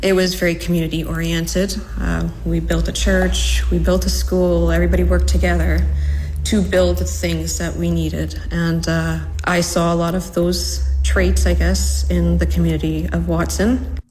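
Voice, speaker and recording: Flat-voiced Trinidadian woman, reverberant room. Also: fairly low pitch, moderate pace. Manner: conversational, hesitant with fillers. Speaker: interviewee. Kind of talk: interview clip. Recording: reverberant room with faint noise.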